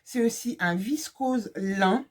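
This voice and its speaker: Speaking slowly in a medium-pitched, darkish voice, a woman films a sewing fabric haul vlog on her phone camera. She talks casually to her viewers and cracks jokes while presenting each fabric.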